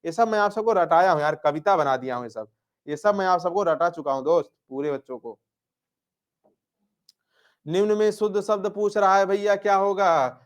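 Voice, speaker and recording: A man's voice: high voice, moderate pace, clean tone. A male Hindi grammar teacher working through exam questions, repeating each answer and asking and then answering his own questions. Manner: repeats answers, asks "क्या?" and answers himself; calls students affectionate nicknames.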